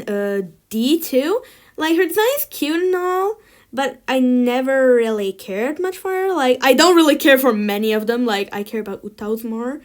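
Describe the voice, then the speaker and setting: A woman ranking things in a tier list, chatting casually and giving blunt opinions with lots of filler words. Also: on the high side. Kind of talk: casual chat.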